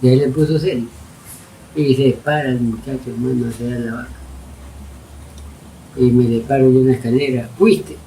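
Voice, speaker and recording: A man telling stories from his own life in a lively, casual way, acting out his own shouts. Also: medium pitch, normal speed, long pauses. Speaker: storyteller interviewee. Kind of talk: casual oral-history storytelling. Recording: distant mic with loud noise and dogs barking.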